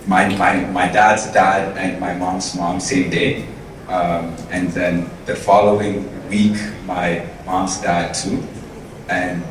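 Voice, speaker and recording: A young man from Ethiopia giving a casual personal talk at an event, full of ums and restarts. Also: low-pitched. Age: young adult. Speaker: invited speaker. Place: large event hall. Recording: roomy hall sound from far off, noisy.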